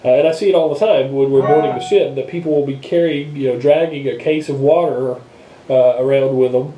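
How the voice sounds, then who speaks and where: Sounding sick and unable to breathe through his nose, as if it were broken, a vlogger rambles casually in an offhand, unscripted vlog. His congested, nasal voice is medium-pitched, steady and a little fast. The action camera microphone picks up a roomy sound with background noise.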